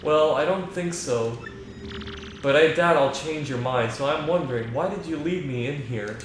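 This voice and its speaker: A man's voice: on the high side, normal speed, noisy background, pitched above the performer's own voice, natural voice. Young princess, polite and curious, a man reading her in a very echoey room. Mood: bright. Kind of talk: reading game dialogue aloud.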